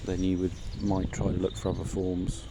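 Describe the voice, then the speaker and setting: A man chatting casually to a vlog audience while walking around outdoors, musing in a halting way and trailing off mid-thought. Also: completely flat delivery, vocal fry. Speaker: paranormal investigator filming a vlog. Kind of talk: casual rambling vlog chat. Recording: noisy outdoor ambience, traffic rumble.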